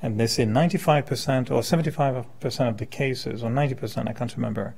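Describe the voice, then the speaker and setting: Here a man with a gravelly, darkish, medium-pitched voice talks at a quick pace. He's a French-born meditation teacher in his 50s based in Quebec, a native French speaker, leading an informal spiritual talk for a live group. He keeps it conversational, posing questions and hypothetical scenarios.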